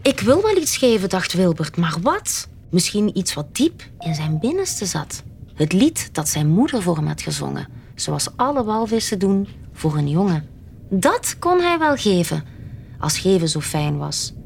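Slow, lively woman reading aloud. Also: lowish voice, vocal fry, slight background noise. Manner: slow and expressive, some lines whispered. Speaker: singer reading to her son. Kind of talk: storybook read-aloud in rhyme.

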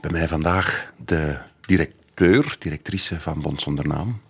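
A man's voice: extremely low pitch, a little slow, husky, soft background music. A Flemish man hosting a radio interview with a playful, teasing manner. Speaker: radio host.

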